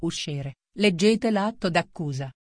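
A woman's voice: lowish voice, expressive, measured pace, a little mellow, dry recording, clean studio sound. A woman voicing a fussy, anxious king presiding at a trial, giving formal commands. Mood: stern.

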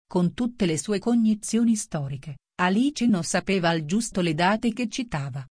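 A woman narrating a storybook in a steady reading voice. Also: mid-range voice, measured pace, dry recording, clean studio sound.

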